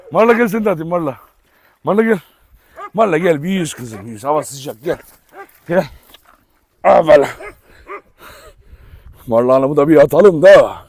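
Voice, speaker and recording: High-voiced man calling and coaxing dogs. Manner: coaxing and scolding dogs, laughing often. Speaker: dog owner vlogger. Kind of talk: casual vlog talk to dogs and viewers. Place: outdoors by a pool in a yard.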